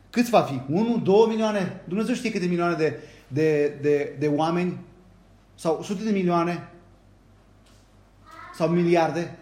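A man preaching a sermon, reading scripture aloud and often turning to the congregation with a quick rhetorical question. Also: on the high side, darkish tone, echoey room. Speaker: pastor. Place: church hall.

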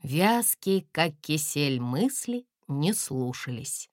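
A woman reading a children's fairy tale aloud in a slow, expressive, gently dramatic way. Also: low-pitched, no room sound, studio quality. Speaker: narrator. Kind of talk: audiobook narration of a fairy tale.

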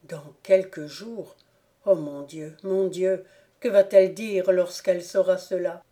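A woman's voice: on the low side, fairly even intonation, unhurried, warm tone, close to an everyday voice. A woman voicing an anguished young nobleman. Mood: agitated. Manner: agitated, pleading. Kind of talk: audiobook character reading.

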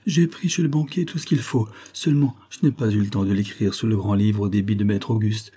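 A man voicing a fearful, fussy old male servant in an audiobook, anxious and rushed. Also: on the low side, warm tone, husky. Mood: fretful. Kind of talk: audiobook character voice.

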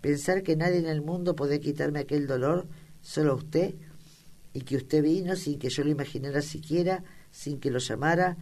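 A woman's voice: sits low, animated, moderate pace, a little mellow. A woman reading an audiobook, voicing an earnest, affectionate young country girl with rustic speech.

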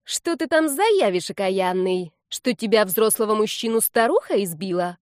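Woman putting on a furious shouting old granny. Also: on the high side, big pitch swings, a little slow, dry recording, studio quality. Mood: furious scolding. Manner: shouting, scolding. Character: fierce old grandmother, furious shouting bass.

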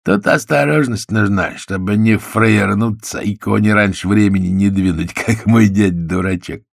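A man playing a hoarse, mocking gangster. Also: fairly low pitch, normal speed, dry recording, clean studio sound. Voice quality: hoarse, offhand slangy drawl. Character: hoarse, swaggering male criminal, mocking.

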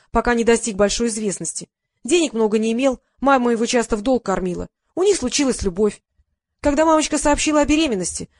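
A woman reading the lines of a calm, stubborn teenage girl in an audiobook. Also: a little high, no echo, studio quality, lightly acted. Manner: calm and matter-of-fact.

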